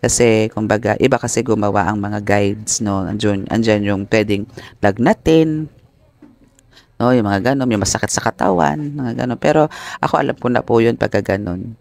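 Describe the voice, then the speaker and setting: A man giving a tarot reading to his viewers, polite and expressive, mixing English phrases into his speech. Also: on the low side, normal speed, vocal fry. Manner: polite, addresses viewers with respectful terms; expressive, exclamatory. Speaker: tarot reader.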